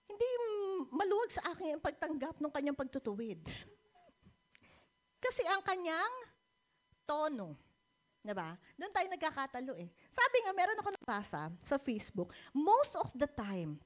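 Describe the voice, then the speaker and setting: Lively high-voiced Filipina woman preaching. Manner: animated, often asks the congregation "di ba?"; laughs often between points. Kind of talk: Taglish church sermon.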